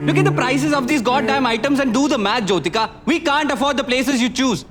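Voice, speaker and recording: A man's voice: high-pitched, moderate pace, close to an everyday voice. An actor playing a frustrated young man short on money, speaking blunt, angry English and Malayalam with a Malayali accent. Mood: heated. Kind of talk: short film acting.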